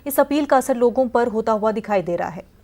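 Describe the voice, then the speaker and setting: A woman news anchor presenting in a crisp, formal news delivery. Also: fairly high pitch, lively intonation, a little mellow.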